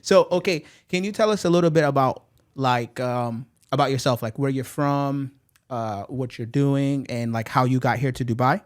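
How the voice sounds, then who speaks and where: An American man hosting an interview podcast, upbeat and quick in bursts, with frequent fillers. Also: medium pitch. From United States. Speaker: podcast host.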